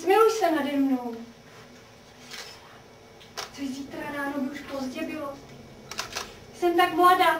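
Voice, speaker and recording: A woman's voice: extremely high pitch, echoey room, distant mic, slight background noise. An actress voicing a grief-stricken, half-mad young condemned woman, pleading and trembling in theatrical verse for a radio play.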